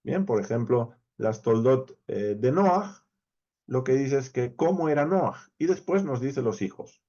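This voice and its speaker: A man's voice: medium pitch, lively intonation, a little slow, mellow, dull audio. A man with a Spain Spanish accent, teaching a verse-by-verse Hebrew Bible lesson. He explains step by step, counts letters aloud and checks in often with his listeners.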